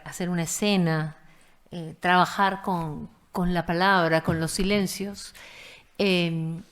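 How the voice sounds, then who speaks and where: A woman from Peru with a Peruvian Spanish accent, a writer and stage performer who speaks in a halting, thoughtful way at a panel talk. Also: lowish voice.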